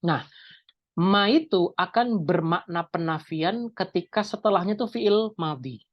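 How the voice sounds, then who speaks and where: A man's voice: high voice, animated, unhurried, no echo, muffled recording. A male Islamic teacher giving an online Arabic grammar class, explaining step by step and asking and answering his own questions.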